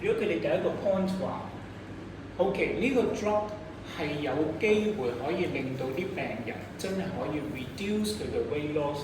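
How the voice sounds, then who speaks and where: Here the coach's medium-pitched voice has lively intonation and a moderate pace. It's an interactive debate lesson on rebuttals, delivered in a Hong Kong accent with questions put to the class. Captured from far off in an echoey room, the sound is noisy.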